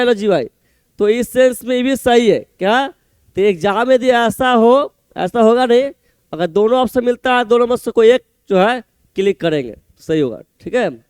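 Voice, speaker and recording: High-voiced man spelling slowly. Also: darkish tone, clean tone, no room sound. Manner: slow, spells words letter by letter and repeats answers. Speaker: teacher. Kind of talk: exam-prep spelling lesson.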